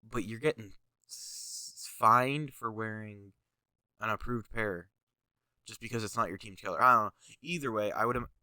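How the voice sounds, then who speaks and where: A young channel host with a stuffy nose casually reviews images of his own jersey designs, sniffling and sounding tired. His voice is bright and tense yet on the low side, at a moderate pace with no echo, and he rambles with lots of fillers and goes off on tangents.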